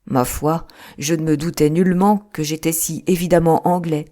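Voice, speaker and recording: A woman voicing a brisk, businesslike male lawyer in an audiobook, quick to take offence. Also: low-pitched, steady tone, dark tone, lightly acted. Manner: plain, businesslike, quickly irritated. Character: brisk, touchy middle-aged male lawyer. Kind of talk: audiobook character reading.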